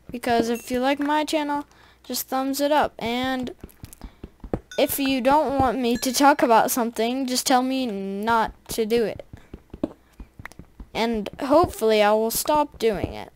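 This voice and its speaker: Slow, chatty female gaming commentator. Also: a little high, darkish tone, a little hiss or hum. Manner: rambling, chatty, talks straight to viewers. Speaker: gaming video creator. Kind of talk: casual gameplay commentary.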